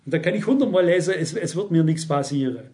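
A man's voice: on the high side, lively intonation, quick pace, darkish tone. A man preaching a sermon, insistent and full of rhetorical questions to his listeners.

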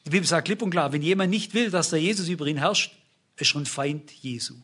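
High-voiced preacher. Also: male voice, brisk, a bit bright, breathy edge. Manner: emphatic, asks the congregation questions. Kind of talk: sermon.

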